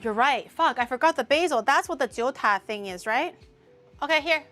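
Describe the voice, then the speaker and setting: Soft background music accompanies a woman with a high, fairly bright voice and lively intonation, speaking at normal speed. As a streamer and VTuber, she chats casually on a cooking livestream in her home kitchen, blunt and profane, murmuring whenever she tastes the food.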